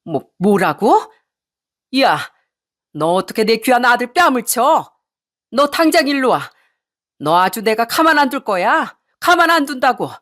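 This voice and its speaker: A woman voicing a furious older mother-in-law who yells and scolds her daughter-in-law in a storybook drama. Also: on the high side, big pitch swings, unhurried, voice pushed up, full character voice. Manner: yelling, scolding, jabbing.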